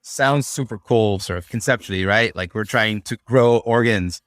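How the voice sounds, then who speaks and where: A young man from Syria, a podcast guest, talking through ideas in a relaxed, thoughtful way with frequent fillers. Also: fairly low pitch, moderate pace, no echo, clean studio sound. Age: young adult. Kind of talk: casual conversational interview.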